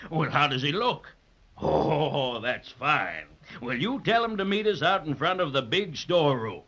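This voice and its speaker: A man's voice: on the high side, very animated, measured pace, fairly bright tone, exaggerated voice. An actor playing Santa Claus as a kindly, folksy, reassuring old man in a 1930s children's radio play. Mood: kindly, busy. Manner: avuncular, soothing, folksy. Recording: dull lo-fi 1930s radio recording.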